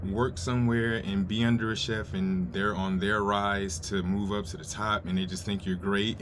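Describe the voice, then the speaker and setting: A middle-aged man, an experienced chef, giving blunt, informal advice in a casual, sweary, unscripted rant. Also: on the low side. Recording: clear ambient background noise.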